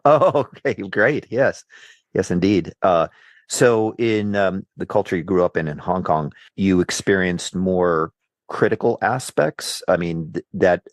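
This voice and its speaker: A man's voice: low-pitched, unhurried, no echo. A man hosting a podcast, asking probing questions with fillers and short acknowledgements. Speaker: podcast host, interviewer. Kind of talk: interview questions.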